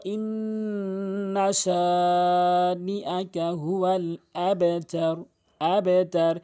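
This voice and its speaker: A young man with a fairly high voice teaches Quran recitation. He is earnest and insistent and breaks each word into its letters, sounding them out syllable by syllable. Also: darkish tone. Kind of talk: tajweed lesson.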